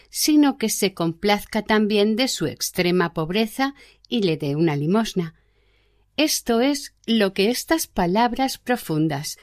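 A gentle, learned old monk explains prayer in a calm, measured voice , as a woman reads him aloud from a spiritual book. The pace stays slow and deliberate. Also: medium pitch. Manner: measured, unhurried reading.

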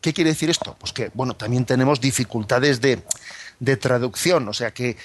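A man's voice: medium pitch, normal speed. A man explaining scripture as a catechism teacher, speaking thoughtfully with frequent tag questions and fillers.

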